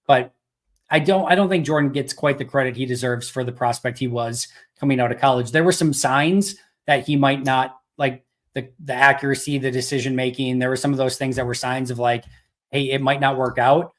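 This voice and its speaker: Host, male, casual live-stream Q&A voice, loose and chatty, a bit hoarse. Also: medium pitch, fairly even intonation, fairly quick. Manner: conversational, thinks aloud with restarts. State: losing his voice. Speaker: podcast host.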